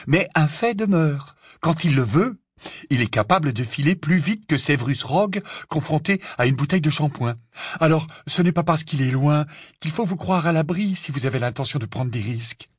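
Man voicing a young joker radio guy, mock-solemn and teasing, a bit high and husky, dry audiobook read. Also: expressive, moderate pace, no room sound. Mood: playful. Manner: mock-serious, playful. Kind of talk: audiobook character voice.

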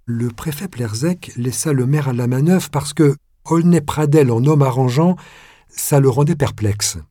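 Male novel reader, husky timbre, close dry recording, measured delivery. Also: medium pitch, dark tone, no echo. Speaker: narrator. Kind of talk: audiobook reading.

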